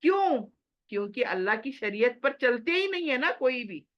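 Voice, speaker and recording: A woman's voice: a little high, expressive, moderate pace, muffled recording. A woman giving a religious lesson in an earnest, exhorting manner, slipping English phrases into her talk. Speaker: Quran teacher.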